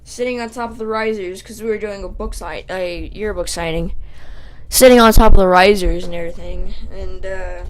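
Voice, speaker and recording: A young woman with a sore throat tells a rambling storytime vlog, full of fillers and self-mocking asides. Her voice sits in an ordinary middle pitch. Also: normal speed. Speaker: vlogger.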